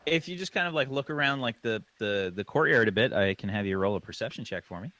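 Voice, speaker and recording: A man's voice: lowish voice, animated, quick pace, pushed and bright, dry recording. A man narrating as game master of a tabletop game, loose and rambling with lots of fillers.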